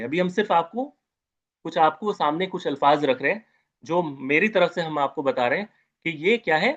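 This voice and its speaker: In an online lecture on Arabic grammar, a man with a fairly high, fairly bright voice drills each term repeatedly and keeps questioning his students to check in. The recording sounds dull and lo-fi.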